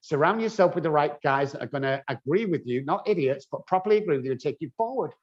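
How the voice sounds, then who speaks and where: A man's voice: on the high side, quick pace. Guy telling recovery stories with lots of voices, kinda muffled sound. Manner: animated anecdotal storyteller, acts out dialogue. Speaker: addiction recovery specialist. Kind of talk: storytelling interview answer.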